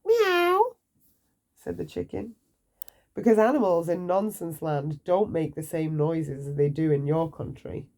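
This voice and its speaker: A woman with a low-sitting voice reads a children's bedtime story aloud, phrasing it deliberately and expressively for young listeners.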